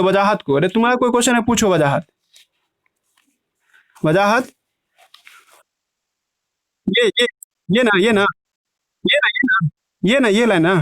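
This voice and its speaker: A man teaching a biology class online, in the style of a lecture. He keeps asking "है ना" and stretches key terms out slowly, word by word. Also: high voice, a bit bright, no room sound, clean studio sound. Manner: breaks terms into slow emphatic chunks.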